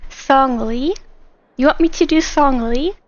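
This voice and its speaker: A game streamer chats casually and a bit hesitantly over gameplay during a livestream, her high voice moving at a measured pace. Her dull lo-fi microphone picks up faint game music in the background.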